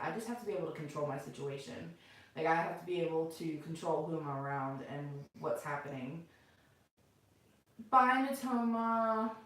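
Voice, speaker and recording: A middle-aged woman chatting casually and unscripted to viewers as the host of a livestream from home. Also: lowish voice. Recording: very echoey room, far from mic.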